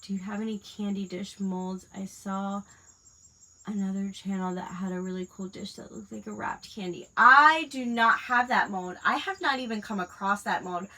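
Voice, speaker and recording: In a mid-range, sharp-toned voice at normal speed, a mother of school-age kids hosts a crafting livestream while congested from a head cold. She chats casually and rambles with fillers as she works, and the recording quality is low.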